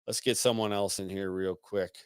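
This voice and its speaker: A man's voice: deep voice, fairly even intonation, normal speed, smooth, dry recording, clean studio sound. A man hosting a live call-in stream, reading viewer comments aloud and answering in a laid-back way, swearing freely and saying "man" a lot. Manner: repeats words as he restarts.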